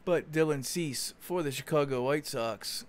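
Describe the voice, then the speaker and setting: A man's voice: a little high, measured pace. A man hosting a sports card break, giving casual running commentary in a chatty, folksy way, as if talking to friends. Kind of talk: casual running commentary while opening cards. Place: indoors at a card-covered table.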